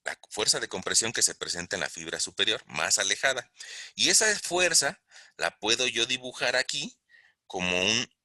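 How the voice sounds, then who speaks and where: A man's voice: lowish voice, bright, forceful tone, no echo, studio quality. A man giving a recorded online engineering lesson, explaining step by step and asking the class questions. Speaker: engineering lecturer. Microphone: close mic while writing on a tablet.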